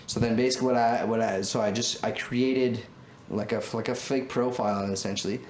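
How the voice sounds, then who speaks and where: A man with a Quebec French accent, telling a profane, rapid-fire story on a casual podcast and acting out the voices of the people in it. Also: mid-range voice, steady tone, darkish tone. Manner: rapid, profane, acts out voices in his stories. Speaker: podcast host. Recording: roomy echo, faint noise.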